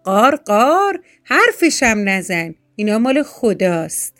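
A woman voicing a greedy, sharp-tongued crow in a children's story, speaking curtly and scolding. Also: on the high side, animated, faint music behind, natural voice. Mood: snappish. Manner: curt, scolding.

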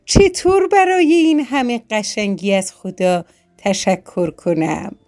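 A woman voicing a cheerful, gentle little bear cub in a children's storybook, speaking earnestly and with wonder. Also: mid-range voice, natural voice.

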